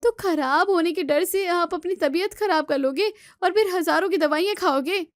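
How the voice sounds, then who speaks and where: Woman as a worried, scolding young bahu, high voice, dry sound. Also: moderate pace, no room sound. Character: exasperated young daughter-in-law.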